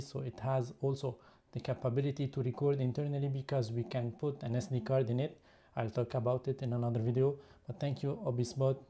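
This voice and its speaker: A Lebanese man whose first language is Lebanese Arabic hosts a casual photography live stream for his YouTube channel, chatting while he shows off his camera gear. He speaks with a Lebanese accent in a medium-pitched, dark-toned voice.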